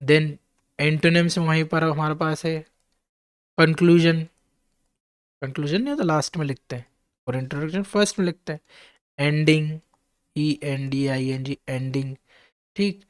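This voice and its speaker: A man's voice: fairly high pitch, normal speed, long pauses, clear, resonant tone, dry recording, clean studio sound. A man teaching English vocabulary to exam students, spelling each word out letter by letter and checking in with his listeners.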